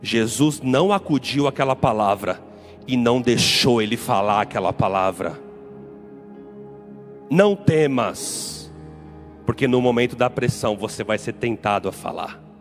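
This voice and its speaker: Emphatic Brazilian pastor preaching. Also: male voice, mid-range voice, moderate pace, soft background music. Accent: Brazilian Portuguese. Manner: emphatic, repetitive preaching with rising declarations. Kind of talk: sermon.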